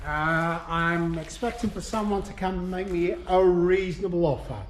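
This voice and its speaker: A man's voice: high-pitched, steady tone, moderate pace. A man, a farmer casually explaining his place as he shows someone around. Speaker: farmer, farm owner. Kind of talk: casual explanation while showing a farm. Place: farm sheds and yard. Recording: echoey farm sheds, faint noise.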